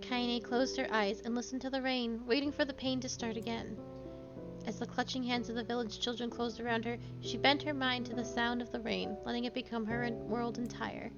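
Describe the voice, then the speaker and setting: Woman streamer narrating a novel, higher voice, faint music behind. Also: little pitch movement, fairly quick, lo-fi sound. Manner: storytelling, small slips and self-corrections. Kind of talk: reading a novel aloud.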